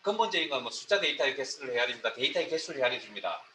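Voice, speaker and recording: Bright-voiced man teaching a class. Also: medium pitch, expressive, very fast, a little hiss or hum, low-quality recording. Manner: explains step by step, quizzes students. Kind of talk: spreadsheet class lecture.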